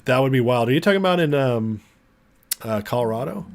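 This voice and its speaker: Animated and a little fast, a man with a mid-range voice hosts an easygoing livestream. The American chats like a pal with viewers and reads their comments, his voice starting to fail as he recovers from illness.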